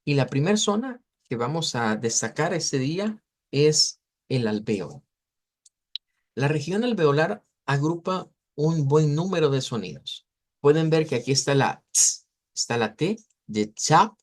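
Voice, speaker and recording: A man's voice: mid-range voice, darkish tone. Man teaching a phonetics class. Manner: explanatory, checks in with "¿verdad?" and "¿vea?", slows down to model sounds. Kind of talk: online class lecture.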